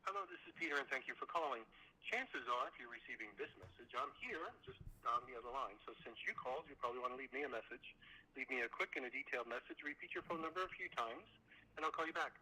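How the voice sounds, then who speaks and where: Man's hurried voicemail greeting over phone. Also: mid-range voice, bright, forceful tone, slight background noise, poor audio. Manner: hurried, repeats his instructions. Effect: recorded voicemail greeting played over a phone. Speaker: person whose answering machine is reached.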